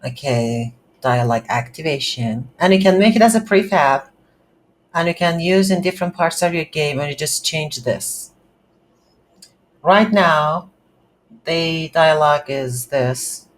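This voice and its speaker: Faint background noise sits under this slow, unscripted tutorial narration. A game development instructor with a mid-range voice records over the screen, hesitating and musing aloud in clipped phrases.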